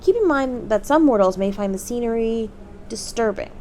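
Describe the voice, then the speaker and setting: Playing an eager, salesy demon at a hotel front desk, a woman speaks straight to the listener as a guest in this scripted roleplay, bright and helpful. Her lively, pitch-swinging delivery is courteous and bubbly, a little mellow, lightly acted, at a normal speed. Faint ambient noise is audible behind her.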